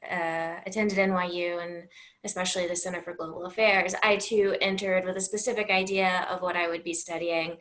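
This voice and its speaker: A woman's voice: lowish voice, a bit bright. A young woman interviewing an alumna, friendly, with frequent hesitations. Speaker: student interviewer.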